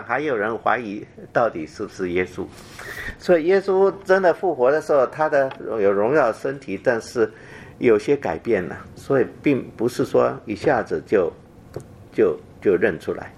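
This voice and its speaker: A man with a fairly low voice gives a Bible teaching sermon. He talks haltingly, with fillers and repeated phrases. When he reads the scripture quotes, he drops to a softer voice. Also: slight background noise. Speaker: preacher.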